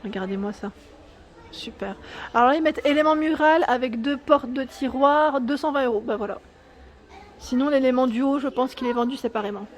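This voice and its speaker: A woman's voice: sits high, a little fast. A woman giving an enthusiastic, chatty walkthrough vlog in a furniture store showroom, often tagging "hein" and correcting herself. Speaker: YouTube vlogger.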